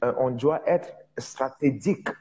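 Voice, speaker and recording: A man preaching in French with a foreign accent, a non-native speaker teaching informally on evangelism, with emphatic repetition and halting searches for words. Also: medium pitch, dark tone, breathy edge, lo-fi sound. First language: not French, speaks it as a second language. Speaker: preacher, prophet.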